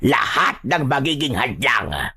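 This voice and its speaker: A menacing queen of monsters, voiced by a man, drawing out every taunt. Her voice is bright and a little husky, and it stays slow and gloating. Cruel, mocking horror storytelling. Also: mid-range voice, very animated, exaggerated voice. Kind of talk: audio horror story acting.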